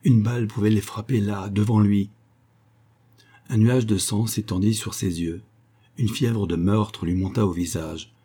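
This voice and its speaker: A man narrating an adventure audiobook with a steady, dramatic reading. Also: lowish voice, a little slow, breathy edge.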